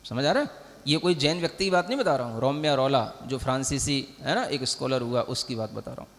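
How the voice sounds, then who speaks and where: A man's voice: medium pitch, animated, fast. A man, a Jain monk, giving a sermon in a teaching manner, often checking whether his listeners understand and mixing English words into his speech. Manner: teaching, keeps asking listeners if they understand. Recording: long hall reverb.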